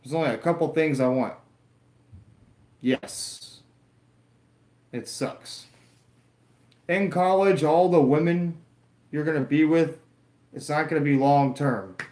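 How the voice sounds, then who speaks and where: A man's voice: a little high, takes it slowly, long pauses, a little mellow, roomy sound. A man in his late twenties, chatting casually and rambling to viewers while watching a wrestling show live, answering chat and poking fun at himself. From Florida. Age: 20s. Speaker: YouTuber streaming a wrestling watch-along.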